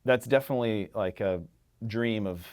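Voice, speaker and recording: A man chatting as a podcast guest, a rambling, animated storyteller who swears casually. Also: lowish voice, normal speed, clear, resonant tone. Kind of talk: casual conversation.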